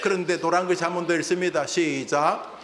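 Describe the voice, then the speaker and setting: In a reverberant church sanctuary, a senior pastor preaches a sermon and leads the congregation in call-and-response, having them repeat phrases. His voice is a little high and fairly quick, with fairly even intonation, and there's background noise.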